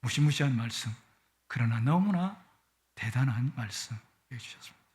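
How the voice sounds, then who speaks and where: A man's voice: mid-range voice, expressive, normal speed, a little mellow. A middle-aged man preaching a Sunday sermon in a church, with a playful manner that swells with emotion. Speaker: guest pastor. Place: church sanctuary.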